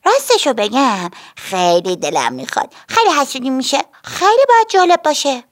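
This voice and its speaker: A woman's voice: high voice, very animated, voice pushed up. A woman voicing a young human girl in a storybook, eager and reassuring. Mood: earnest. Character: friendly human girl, loyal best friend.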